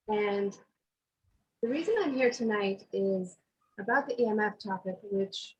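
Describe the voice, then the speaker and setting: A woman giving earnest, steady remarks as a guest speaker at a neighborhood online meeting, her voice muffled over the video call. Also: medium pitch, breathy edge. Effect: muffled sound over a video call.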